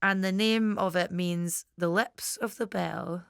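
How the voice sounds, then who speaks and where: A woman's voice: fairly low pitch, fairly even intonation, slow pace, gravelly, smooth. A woman hosting a casual food chat, teasing and giggling as she reads out dish names. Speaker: host.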